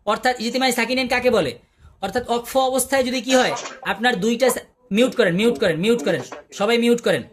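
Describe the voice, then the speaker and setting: A man's voice: very high voice, fairly quick. Man, Quran recitation teacher, online class, patient, repeats sounds, asks the class questions, video call audio.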